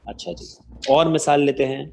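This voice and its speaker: A man's voice: on the high side, little pitch movement, creaky, a little mellow, slight background noise. A man teaching an online Arabic grammar class, quizzing students patiently and affirming their answers. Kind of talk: interactive online class lecture.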